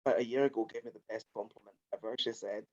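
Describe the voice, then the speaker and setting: A man's voice: lowish voice, fairly even intonation, racing, dull audio. A man co-hosting a casual podcast chat, thinking aloud with frequent restarts. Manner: thoughtful, rambling with restarts. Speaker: podcast co-host.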